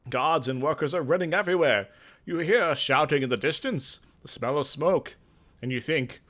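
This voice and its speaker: Speaking at a moderate pace in a somewhat high, slightly bright voice, a man hosts a gaming video. He goes back and forth between theatrical readings of in-game text and hesitant, rambling commentary.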